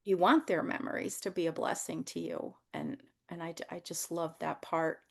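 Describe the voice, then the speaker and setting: A woman's voice: fairly low pitch, fairly even intonation, normal speed, creaky, breathy edge. A woman hosting a conversation, encouraging and rambling with restarts. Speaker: podcast host. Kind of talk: casual interview conversation.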